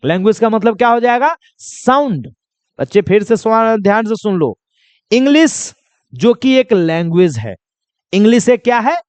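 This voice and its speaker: An Indian English teacher with a high-pitched, smooth, crisp voice leads a simple children's lesson, repeatedly asking a question and answering it himself. He is very animated and speaks at a normal pace, and the recording is dry with no room echo.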